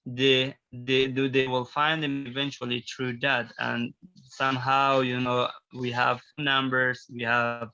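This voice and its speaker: A young man from Afghanistan giving an earnest, halting personal testimony on a video call. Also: medium pitch, little pitch movement, pushed and bright, clean tone. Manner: earnest, halting, searching for words. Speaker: student speaker at a community briefing. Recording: dull lo-fi video call audio.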